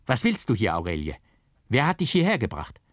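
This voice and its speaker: A man voicing a pale noblewoman mother, usually gentle, who speaks vehemently in a gothic audiobook. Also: medium pitch, expressive, unhurried, dry recording, studio quality, pitched above the performer's own voice, close to an everyday voice. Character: pale mother, gentle yet sharply angry.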